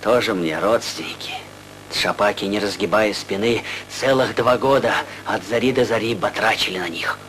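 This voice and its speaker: A man's voice: fairly low pitch, moderate pace, a bit bright, natural voice. An actor playing a grumbling, scornful village man in a theatrical comedy film. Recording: noisy, humming old film soundtrack.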